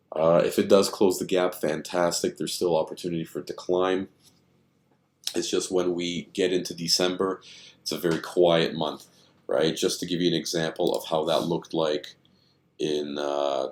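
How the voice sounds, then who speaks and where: Man, very low voice, tired, rambling chart commentary, lots of fillers. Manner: rambling, thinking aloud with many fillers. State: tired and yawning. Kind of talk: casual screen-share chart commentary.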